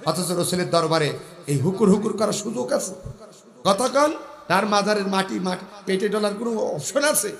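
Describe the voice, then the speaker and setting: A man from Bangladesh delivers a sermon. His voice sits high. He mocks and asks rhetorical questions, dropping to quiet asides and then rising to full shouts. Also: animated, normal speed, gravelly. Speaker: preacher.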